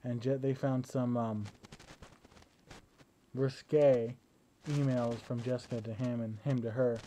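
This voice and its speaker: Young guy vlogging lying down, mellow low voice, um and uh constantly, faint background hiss. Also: measured pace. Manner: hesitant, many fillers and restarts; relaxed, lying down while talking. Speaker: video diarist. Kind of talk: casual personal video diary. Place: indoors, at home lying down. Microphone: battery-powered camera device.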